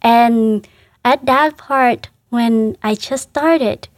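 In an interview, a religious sister from Vietnam, a native Vietnamese speaker with that accent, reflects emotionally on her life. Her slightly high voice draws out words, and she speaks with gentle earnestness, frequent restarts, and soft laughter. It's studio quality with no room sound.

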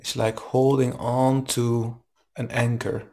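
A man leading a guided meditation as a teacher, speaking in a calm, soothing manner with long pauses. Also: medium pitch, gravelly. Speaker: meditation teacher leading a live online session.

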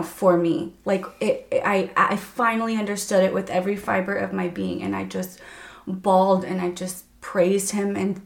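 A woman in her thirties, a podcast guest, earnestly telling her personal faith story in a halting, emotional way. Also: medium pitch, creaky. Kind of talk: candid personal faith testimony.

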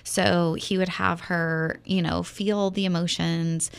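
A woman co-hosting a faith podcast tells a story in an earnest, casual way, with frequent fillers. Her voice sits low and carries a lot of vocal fry. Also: flat delivery, slow pace. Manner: earnest, many fillers, acts out quoted dialogue. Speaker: podcast co-host.

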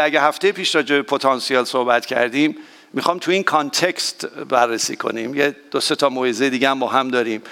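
A man's voice: medium pitch, clear, resonant tone. Man preaching in a hall. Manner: warm, excitable, addressing the congregation directly. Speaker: pastor. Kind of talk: sermon. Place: church hall.

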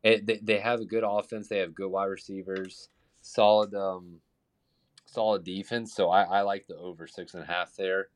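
Low-voiced man calling in over the phone. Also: little pitch movement, normal speed. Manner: stammers and repeats words at the start of sentences. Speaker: co-host giving betting picks. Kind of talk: casual sports betting chat.

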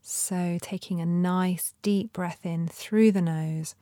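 A woman leading a guided meditation in a soft, breathy, often near-whispered voice with a gentle, soothing manner and long pauses. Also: on the low side, steady tone, no echo, studio quality.

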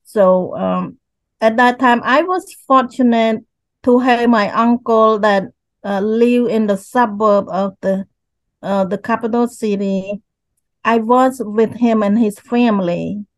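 An older woman from Cambodia with a Cambodian accent, slowly and haltingly telling her life story as a guest over a video call. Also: on the high side, steady tone, dry recording, rough recording. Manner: slow, halting, repeats words.

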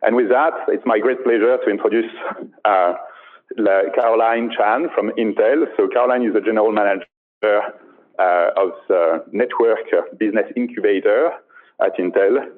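Low-voiced halting male moderator, tinny sound. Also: fairly even intonation. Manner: halting, many fillers. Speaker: conference moderator. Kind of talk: introducing speakers. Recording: tinny phone-like audio.

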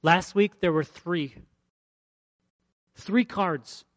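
A man's voice: sits high, very slow, no room sound. A man preaching a conversational sermon as pastor, emphatic and fond of repeating his phrases.

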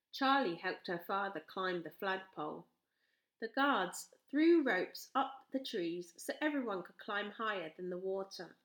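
Expressive woman reading a children's story. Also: mid-range voice. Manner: slow, expressive. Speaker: storybook reader. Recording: roomy echo.

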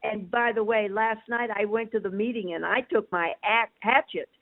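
A woman's voice: medium pitch, steady tone, normal speed. An older woman calling in to a show over the phone, talking in an emphatic, chatty way as she piles on her points. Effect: over the phone, tinny line. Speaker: caller. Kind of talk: casual call-in chat. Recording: tinny phone line.

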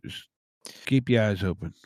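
A man's voice: lowish voice, normal speed, darkish tone, no echo, studio quality. A man playing an easygoing character in a tabletop role-play. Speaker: player.

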